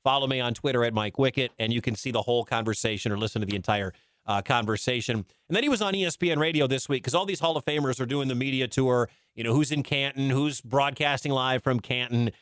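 A sports radio host originally from Detroit, who grew up in Wisconsin, tells stories in a chatty, casual way from the radio studio, laughing often. His mid-range voice moves at a quick pace with a fairly bright tone, and the sound is clean studio quality with no echo.

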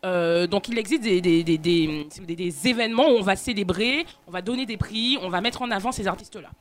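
A woman with a medium-pitched voice hosts a casual chat show, speaking fairly quickly. She's chatty and thinks aloud, often restarting her sentences.

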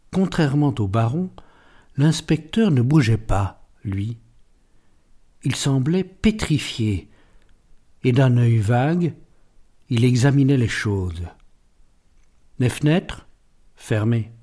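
A man narrating a French classic story in a measured, theatrical reading. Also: mid-range voice, warm tone, husky. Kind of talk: scripted audiobook narration.

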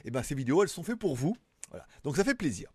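The host of a casual tech news YouTube show speaks very animatedly and quickly in a fairly high voice with a breathy edge. Talking to camera from his home in Thailand, he rambles, jokes at his own expense, and uses many fillers, all in a dry recording.

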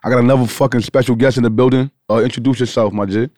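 A man's voice: mid-range voice, steady tone, racing, a little mellow, no room sound, clean studio sound. A man hosting a podcast in casual chat, hyped and slangy, swearing freely. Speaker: podcast host.

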